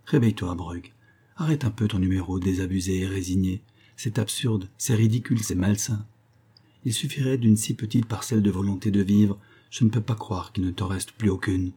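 A man's voice: lowish voice, moderate pace, mellow, breathy edge. A man voicing a determined woman in an audiobook, speaking with urgent, insistent pleading.

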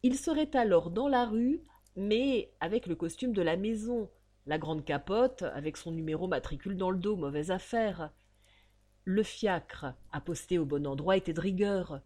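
A woman narrating an audiobook in a measured, expressive way. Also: fairly low pitch.

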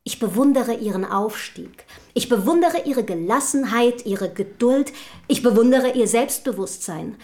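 In a German historical radio drama, an actress plays an earnest, outspoken early feminist from the city, speaking formally and rhetorically with a fervent, admiring mood. Her voice is a little high, a little mellow and animated, with a slightly slow delivery.

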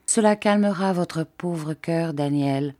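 A woman reading an audiobook, voicing a distraught old widow who pleads in a high, urgent voice. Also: slow, mellow, dry recording. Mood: pleading.

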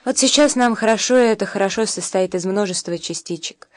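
A woman reading the lines of a tender young mother who calmly teaches her son, in a soft, measured voice. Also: mid-range voice, no room sound, close to an everyday voice. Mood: gentle, reflective.

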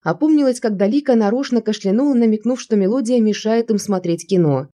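A woman narrating a first-person novel aloud in an expressive audiobook reading. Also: fairly high pitch, brisk.

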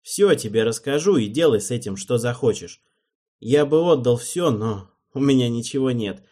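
Man voicing cunning cold advisor, deliberate, husky, lively pitch, storybook. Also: lightly acted.

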